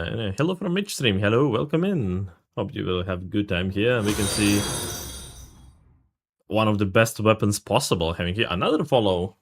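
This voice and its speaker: Male streamer, lower voice with a lively, swinging delivery; casual live game commentary, chatty with viewers, swears freely. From Serbia. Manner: casual, greets and thanks chat, swears freely.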